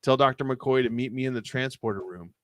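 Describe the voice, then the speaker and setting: A man's voice: medium pitch, brisk, fairly bright tone, dry recording, natural voice. Captain Kirk, read by a man. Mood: commanding. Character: Captain Kirk, decisive male starship captain.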